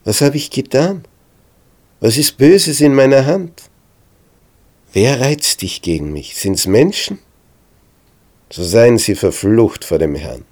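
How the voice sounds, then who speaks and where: A man voicing a bold young male warrior who shouts loudly across a valley, defiant and pleading. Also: rumbling low, very animated, normal speed, vocal fry, husky, full character voice. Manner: loud, calling out, defiant.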